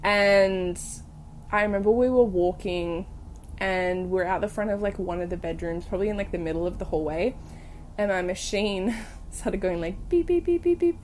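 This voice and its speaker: A young woman hosting a casual storytelling podcast, telling ghost stories in an animated, sweary way full of fillers. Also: medium pitch, normal speed, a little hiss or hum. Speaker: podcast host.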